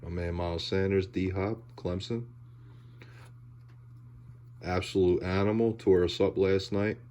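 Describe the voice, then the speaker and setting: A man giving casual, laid-back commentary as he opens card packs, halting and trailing off, with audible heavy breathing. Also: sits low, steady tone, mellow, a little hiss or hum. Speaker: host of a sports card pack-opening video.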